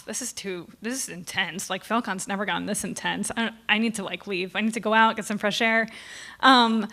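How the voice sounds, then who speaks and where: A woman's voice: medium pitch, fairly bright tone, clean tone. Bubbly woman giving closing remarks. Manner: bubbly, filler-heavy, gushing. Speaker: conference co-founder. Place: conference stage.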